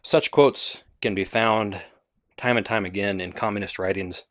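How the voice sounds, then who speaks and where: A man hosting a podcast, delivering an emphatic, declamatory political commentary monologue with dramatic pauses. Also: fairly low pitch, steady tone, a bit bright, no room sound, clean studio sound. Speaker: podcast host.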